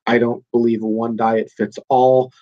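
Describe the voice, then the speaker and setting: A podcast host delivers a casual solo monologue off the cuff, speaking at normal speed in a medium-pitched, mellow voice with flat delivery on lo-fi sound. He's emphatic and rambling, with plenty of fillers and restarts, and sounds a little nasal and congested from a cold.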